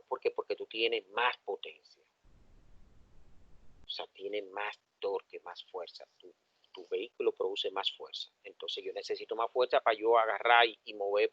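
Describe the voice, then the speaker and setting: A man's voice: lowish voice, dry recording. Dominican man lecturing an engineering class. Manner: lively, asks the class questions. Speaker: engineering professor. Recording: dull, dry lo-fi classroom recording.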